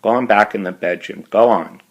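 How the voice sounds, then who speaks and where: A man's voice: on the low side, a little fast, lo-fi sound. A man voicing a moody, dramatic young teenage girl in a storybook read-aloud, with plaintive, wailing pleas. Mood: scolding.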